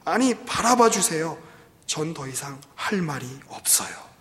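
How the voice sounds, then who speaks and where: A man's voice: fairly high pitch, sing-song, measured pace, a crowd in the background. A man voicing a frustrated thirty-year-old pastor's daughter, pleading and resentful, in a reverberant hall. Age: 30s.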